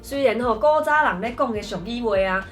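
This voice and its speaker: Female lesson host, southern Taiwanese Hokkien accent, higher-pitched voice, conversational explainer delivery over light music. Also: a little fast, a bit bright. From Tainan, Taiwan. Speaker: host of a language lesson channel. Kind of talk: scripted lesson explanation to camera.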